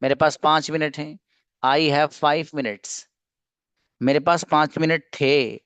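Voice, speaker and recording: Slow, patient male English teacher. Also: fairly high pitch, fairly even intonation, a bit bright, clean tone, no room sound. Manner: explains patiently, repeats example sentences slowly. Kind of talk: online grammar lesson.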